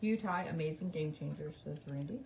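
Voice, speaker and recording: A woman's voice: low-pitched, brisk, vocal fry, darkish tone, muffled recording, slight background noise. A woman co-hosting a livestream in casual chat, reading out viewer comments and teasing her partner.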